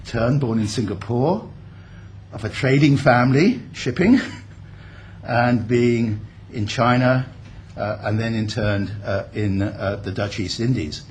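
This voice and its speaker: A man's voice: mid-range voice, darkish tone, a little hiss or hum. Reflective older man giving a speech. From India. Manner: reflective, speaks off the cuff with many pauses and fillers. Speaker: guest speaker. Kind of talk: formal speech. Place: event hall at a building opening.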